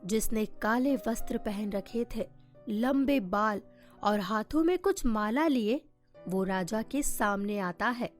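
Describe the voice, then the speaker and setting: A woman narrating a cartoon moral story in a measured storytelling manner. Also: mid-range voice, expressive, faint music behind.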